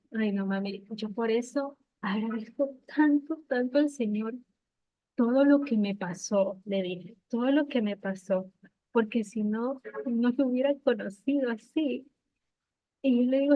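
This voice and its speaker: A woman's voice: on the high side, no room sound. A woman in her thirties sharing a heartfelt testimony at an online prayer meeting, telling her story with many fillers. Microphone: online call. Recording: tinny phone-like call audio, dry.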